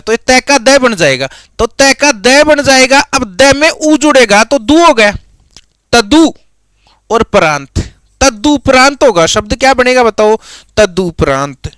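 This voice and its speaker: Male grammar tutor with a lilt. Bright, sharp tone. Drills students with repeated questions and slow repetition. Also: extremely high pitch, big pitch swings, clear, resonant tone, no echo. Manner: repeats key words slowly, quizzes students with questions. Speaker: Hindi grammar teacher. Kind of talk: classroom lecture.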